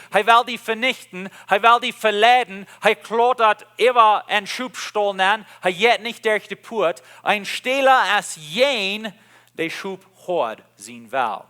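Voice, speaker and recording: A male preacher with a high, bright voice delivers a sermon at an unhurried pace. He stresses his points by repeating key phrases. He slips between languages mid-sentence.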